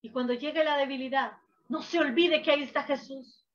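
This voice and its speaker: A woman preacher delivering a sermon, emphatic, swinging from hushed to loud, on a dull lo-fi recording. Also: sits high, fairly quick.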